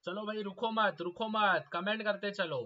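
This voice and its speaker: Young guy running a live class, keeps pushing kids to answer fast, highish voice, kinda muffled audio. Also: fairly even intonation, sharp tone. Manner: urgent, pushes students to answer fast, repeats questions. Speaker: teacher. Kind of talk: live exam-prep class. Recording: slightly dull lo-fi audio.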